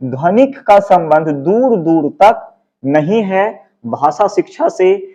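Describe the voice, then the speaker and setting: Male teacher, Bihari Hindi accent, high voice, walks through exam answers by asking and answering his own questions. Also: a little mellow, dull audio. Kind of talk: exam-prep lesson explaining answers.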